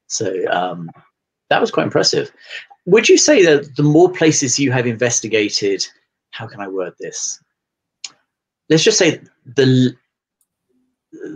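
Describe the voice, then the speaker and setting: A man's voice: fairly low pitch, slightly rough, poor audio. A man hosting a live chat over a video call, asking rambling questions full of fillers. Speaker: host. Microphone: video call webcam.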